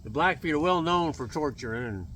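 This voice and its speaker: Male fireside storyteller, folksy and colloquial, higher-pitched bright voice, light background noise. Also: animated, brisk. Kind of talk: casual unscripted storytelling with a partner.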